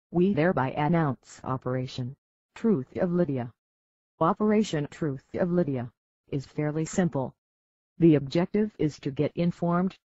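Activist narrator, synthetic and sexually ambiguous voice, formal measured announcement, dry lo-fi sound. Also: medium pitch, darkish tone, no room sound. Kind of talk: scripted announcement. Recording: dull lo-fi audio.

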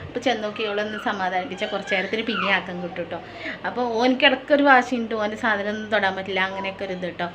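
A home cooking vlogger and mother from Malappuram, Kerala chats to viewers as she cooks in her kitchen, constantly tagging friendly questions onto her sentences. She talks very fast in a mid-range voice. The background is noisy with clattering pots, dishes and stirring.

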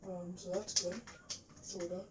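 A woman's voice: lowish voice, flat delivery, measured pace. A woman giving casual gameplay commentary as a gamer, recorded in a living room on a camera. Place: indoors, living room facing a TV. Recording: roomy echo, background noise, controller clicks.

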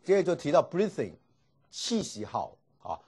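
A man's voice: fairly high pitch, huge pitch swings, normal speed, darkish tone, breathy edge. A man teaching a Greek class, explaining patiently and dropping frequent filler particles. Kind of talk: classroom lecture.

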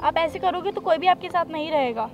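A woman's voice: extremely high pitch, fast. An indignant woman, demanding answers from her boyfriend in a staged prank. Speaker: current girlfriend in a prank. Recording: loud background music.

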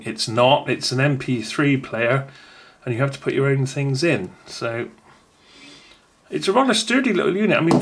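A man with a fairly high, slightly bright voice rambles casually while reviewing a small gadget at home. It's chatty unboxing talk, full of restarts.

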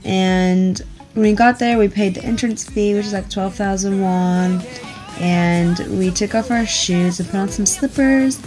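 A woman's voice: medium pitch, a little slow, a little mellow, soft background music. A young woman chatting casually in a travel vlog, upbeat and giggly. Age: young adult. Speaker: vlogger.

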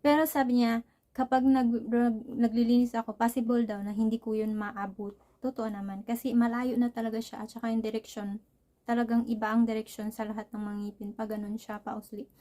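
A woman's voice: a little high, level tone, fairly quick, dark tone. A young woman from the Philippines, telling a casual, rambling personal story and laughing often. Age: young adult. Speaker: vlogger.

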